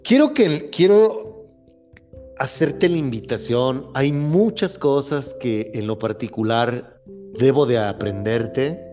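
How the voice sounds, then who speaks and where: A man hosts a faith podcast in an earnest, rambling way, circling back and restarting his sentences. His voice sits at an ordinary middle pitch. Soft music plays faintly behind him. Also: animated, slow. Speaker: podcast host. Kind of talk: casual faith-based podcast conversation.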